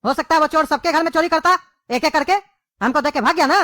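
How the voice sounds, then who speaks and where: A woman's voice: high-pitched, bright, forceful tone, no echo, studio quality. A woman, playing an irritable father in a comedy sketch. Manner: fast, irritable.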